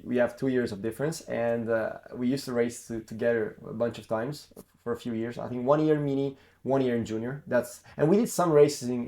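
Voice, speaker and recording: A young adult man, a former racing driver, casually telling an anecdote to camera, acting out quoted lines and often restarting his sentences. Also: mid-range voice. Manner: lively anecdote-telling, acts out quoted dialogue; frequent restarts and self-corrections.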